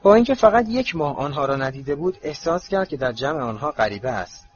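A man narrating an audiobook in an even, measured reading, in a slightly muffled recording with faint hiss. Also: on the high side. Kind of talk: scripted narration.

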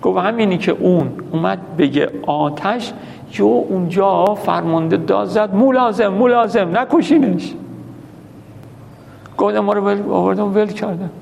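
A man's voice: sits high, vocal fry, darkish tone. A man giving an anecdotal religious lecture, telling stories with quoted dialogue and posing questions that he answers himself. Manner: storytelling that acts out quoted dialogue, asks and answers his own questions. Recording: reverberant hall, faint background noise.

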